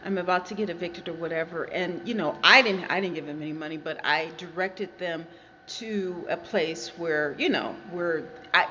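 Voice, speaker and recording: A woman's voice: fairly low pitch, moderate pace, pushed and bright. An American woman vlogging casually from a garage, talking to her viewers in a chatty, digressive way. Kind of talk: casual rambling commentary to viewers. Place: garage with reflective acoustics. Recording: dull muffled sound with background noise, live garage.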